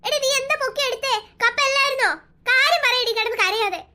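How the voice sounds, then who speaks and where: Teasing cartoon older sister, scolding and snappy, very high, played by a voice actor. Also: quick pace, sharp tone, slight background noise, full character voice. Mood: impatient. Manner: scolding, sarcastic. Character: mocking cartoon older sister, sarcastic teen girl. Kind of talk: cartoon voice acting.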